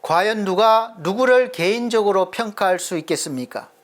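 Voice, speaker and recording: A middle-aged male pastor preaching a sermon earnestly, asking rhetorical questions and slowing down to stress his points. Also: sits high.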